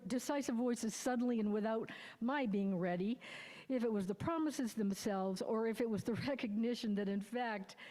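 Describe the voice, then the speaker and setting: In a church sanctuary full of long reverb, a woman around sixty gives a personal testimony in a sermon about her recovery, speaking frankly, thoughtfully, and with dry humor. Her voice is mellow and on the high side.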